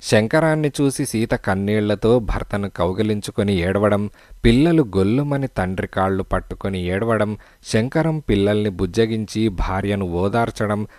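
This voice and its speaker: Low-voiced man narrating a detective story. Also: normal speed, darkish tone, dry recording. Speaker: audiobook narrator.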